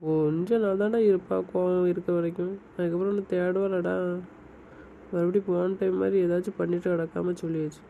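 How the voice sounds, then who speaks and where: Fast-talking high-voiced man. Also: flat delivery, gravelly. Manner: pressing, scolding friend who fires off questions. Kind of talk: amateur web drama acting. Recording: muffled, faint background hiss.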